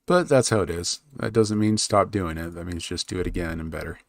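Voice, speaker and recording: A man with a low, gravelly voice talks casually to his stream as he works on a map. He mutters quietly to himself between remarks, then lifts his voice to talk to chat. The sound is close and dry, with typing and mouse clicks behind him. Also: brisk, no room sound. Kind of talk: casual live-stream chat while working.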